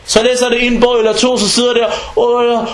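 A man giving an informal religious lecture, animated and mixing in Arabic phrases and recitation. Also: very high-pitched, echoey room. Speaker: preacher.

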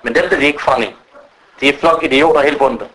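A man's voice: medium pitch, fairly bright tone, low-quality recording. A man giving a religious lecture, telling stories animatedly and often asking his listeners rhetorical questions. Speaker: preacher.

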